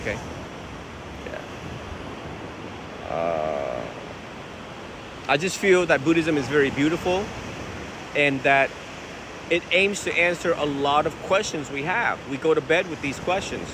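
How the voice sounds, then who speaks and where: A Buddhist monk from Vietnam talks through viewers' questions in a loose, conversational manner, often posing rhetorical questions. His voice sits a little high for a man. He records outdoors on a phone by the ocean, with plain wind and waves in the background. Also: lively intonation, a little slow, long pauses. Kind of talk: casual outdoor Q&A talk.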